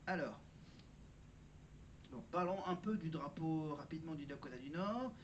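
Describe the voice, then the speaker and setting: Man, casual vlogger, chatty, self-correcting, muffled lo-fi recording, faint hiss. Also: sits high. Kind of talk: casual vlog monologue. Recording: dull lo-fi sound with faint background noise.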